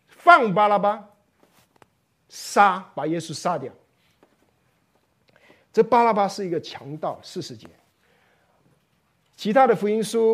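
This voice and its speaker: A man delivers an expository sermon with animation, often acting out the voices of those he quotes. He repeats words and sometimes sinks into a hushed, low voice for emphasis.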